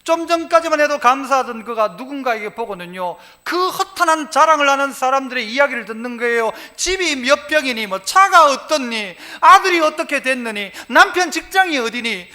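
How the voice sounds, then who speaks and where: Man, Gyeongsang accent, pastor preaching; high, bright voice, very animated delivery, call-and-response with the congregation. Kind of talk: sermon. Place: church sanctuary.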